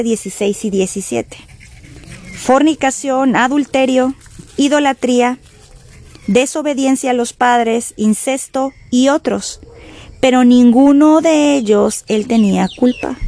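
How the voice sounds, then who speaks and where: A woman's voice: a little high, mellow. A woman preacher delivering a sermon, with dramatic emphasis and rhetorical questions to her listeners.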